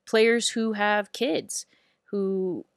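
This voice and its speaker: A woman hosting a sports podcast, reading ads and then talking with animated, laughing disbelief and frequent restarts. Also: mid-range voice, very slow, dry recording, studio quality. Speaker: podcast host.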